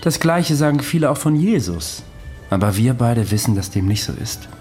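A man's voice: mid-range voice, lively intonation, moderate pace, darkish tone, soft background music, close to an everyday voice. An actor playing a world-weary, undying ancient wanderer in an audio drama, telling his past in a wry, brooding manner. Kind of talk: audio drama dialogue and storytelling.

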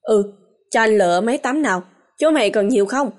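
A woman voicing a hot-tempered young working-class husband with blunt, rough-spoken talk. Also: a little high, animated, brisk, a little mellow, close to an everyday voice.

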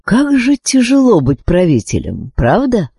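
A woman doing Encanto, a calm ironic sorcerer. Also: deep voice, husky, no echo, studio quality, pitched above the performer's own voice, exaggerated voice. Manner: calm, unhurried, gently ironic. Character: calm, wise, amused adult male sorcerer.

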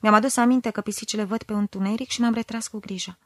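A woman reading a novel aloud in the first person, measured and expressive, dropping at times to a whisper. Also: medium pitch, no room sound. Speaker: audiobook reader. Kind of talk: first-person literary audiobook narration.

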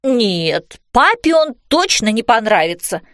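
A woman's voice: a little high, big pitch swings, a bit bright, no echo, clean studio sound. A woman doing a flustered fairy mother. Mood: indignant. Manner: exclamatory, slow emphatic commands.

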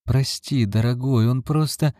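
A man reading an audiobook, voicing a gentle woman who speaks softly and soothingly. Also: mid-range voice, measured pace, dry recording, studio quality, pitched above the performer's own voice, lightly acted. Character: gentle woman, loving partner. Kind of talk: audiobook character voice.

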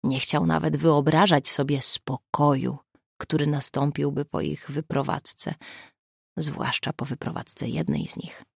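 Woman audiobook narrator, expressive, low gravelly voice, dry close sound. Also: unhurried, no echo. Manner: expressive storytelling.

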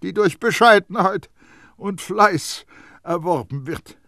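A man voicing a stern, blustering elderly master perfumer who scolds and mocks loudly, in an audiobook. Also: sits high, slow pace, no echo, studio quality, voice pushed up, exaggerated voice. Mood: mocking. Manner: loud, scolding and mocking. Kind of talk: audiobook character voice.

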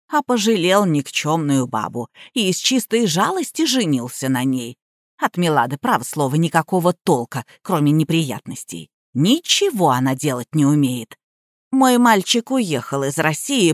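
A woman's voice: deep voice, no echo, studio quality, pitched below the performer's own voice. A woman voicing an elderly, domineering mother-in-law who speaks in a cloyingly sweet, commanding way.

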